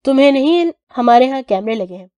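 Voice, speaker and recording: A woman reading an audio novel, voicing a cruel young male crime boss who is stern and commanding, in a clipped, forceful way. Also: sits high, expressive, no room sound. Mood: teasing. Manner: stern, clipped, louder than the narration.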